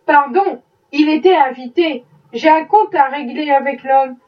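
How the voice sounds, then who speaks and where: A woman's voice: high-pitched, a little slow. A woman reading the part of an evasive, embarrassed male plantation owner, curt and defensive. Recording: muffled, distant mic.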